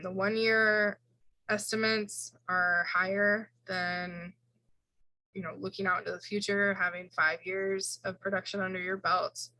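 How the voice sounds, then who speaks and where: A woman's voice: medium pitch, pushed and bright, dry recording, poor audio. A woman instructor giving an informal recorded lecture, walking through slides in a casual way with fillers and self-corrections.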